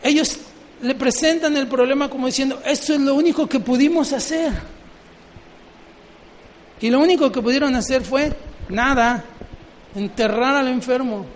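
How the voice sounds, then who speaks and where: A man's voice: very high-pitched, normal speed, pauses often, long reverb tail, slight background noise. A man preaching a sermon, often asking the congregation questions.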